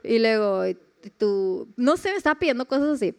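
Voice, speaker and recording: Young Mexican woman, high and clear voice, lively casual testimony that slips into quoted voices. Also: moderate pace. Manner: animated, acts out quoted voices, laughs often. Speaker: speaker sharing a personal testimony. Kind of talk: casual faith testimony storytelling.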